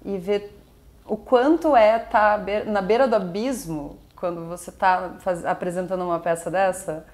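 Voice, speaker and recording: A woman's voice: mid-range voice, steady tone, unhurried, darkish tone. Chatty Brazilian woman. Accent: Brazilian Portuguese. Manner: chatty, frequent fillers and tag questions. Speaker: guest, musical theatre performer. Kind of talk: casual interview chat.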